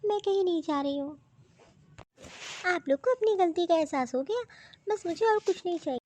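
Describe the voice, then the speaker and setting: A woman's voice: very high voice, lively intonation, moderate pace, darkish tone. A woman voicing a wronged young daughter-in-law in a cartoon story, plaintive and complaining. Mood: subdued. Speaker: cartoon voice actor.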